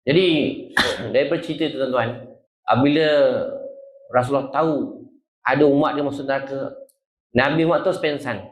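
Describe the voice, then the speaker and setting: A man's voice: medium pitch, fairly quick, long pauses. A man preaching a sermon with a Malaysian Malay accent, telling a story dramatically and acting out the quoted speech. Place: small prayer hall. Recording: echoey prayer hall.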